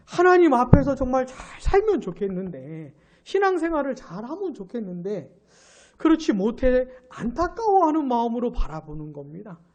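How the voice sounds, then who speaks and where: A man who is a pastor, preaching an animated Bible exposition sermon, repeating his phrases and checking in with his listeners. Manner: stresses words with sudden rises in pitch and loudness.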